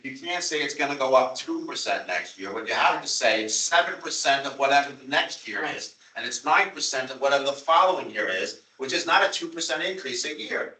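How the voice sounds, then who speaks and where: A man's voice: mid-range voice, expressive, brisk, hardly any pauses, bright, forceful tone. Insistent man with Long Island accent. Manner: insistent, repeats himself, apologetic but pressing. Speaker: town representative on a transit board. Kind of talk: public meeting debate. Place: meeting room. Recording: echoey meeting room from far off.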